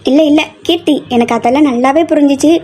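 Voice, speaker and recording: Young woman as protective female college student, very high voice, scolding tone. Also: fast talker, dark tone, close to an everyday voice. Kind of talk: amateur audio drama acting.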